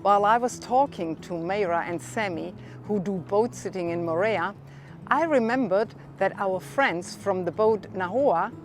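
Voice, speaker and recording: Woman hosting, non-native English, over music. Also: mid-range voice. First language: not English. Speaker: host interviewer. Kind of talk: casual interview and video narration. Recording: background music.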